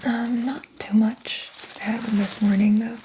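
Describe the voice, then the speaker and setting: A woman playing a quiet, cooperative female patient in a soft-spoken whispered role-play. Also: on the high side, flat delivery, measured pace, slight background noise, close to an everyday voice, poor audio. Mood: subdued.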